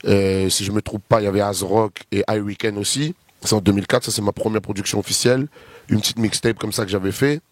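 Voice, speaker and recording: A guest artist from Réunion, in his thirties, talks fast in a lowish, steady voice, captured in a dry recording. With his Réunionese French accent, he chats casually in an interview, rambling through long lists packed with fillers.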